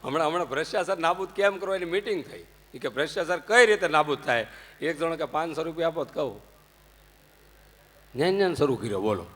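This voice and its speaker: A man with a Gujarati accent giving a humorous religious discourse, telling anecdotes and rising into loud punchlines. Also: on the high side, fast talker. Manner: jokey, anecdotal, animated swings into loud punchlines. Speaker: religious storyteller. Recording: long hall reverb.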